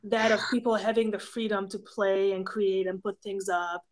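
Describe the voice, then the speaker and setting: This is a rough recording of a woman in her thirties with a Hungarian accent, speaking at normal speed in a mid-range voice with little pitch movement. A pastoral theology professor and guest in a casual interview, she patiently explains ideas and lists example after example via webcam on a video call from a book-lined home office.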